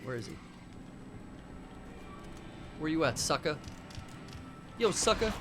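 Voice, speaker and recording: Co-hosting a livestream, a man chats casually while playing a video game, swearing and animatedly trash-talking the enemies. His voice is on the high side and he takes his time, with music in the background.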